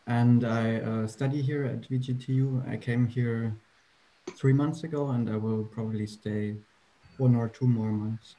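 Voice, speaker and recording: A man's voice: medium pitch, fairly even intonation, a little slow, mellow. A young man from Germany casually introducing himself as a student. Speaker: participant, student.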